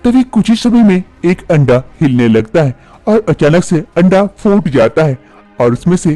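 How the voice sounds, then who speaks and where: A man's voice: a little high, sing-song, moderate pace, dark tone, no room sound, faint music behind. A man narrating a scripted cartoon story. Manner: plain storytelling.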